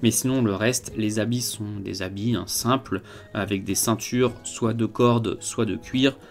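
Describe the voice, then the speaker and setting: A man's voice: fairly low pitch, fairly even intonation, unhurried, soft background music. A man giving a casual unboxing review of miniature figures, talking with many hesitations and fillers. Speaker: wargaming hobby reviewer.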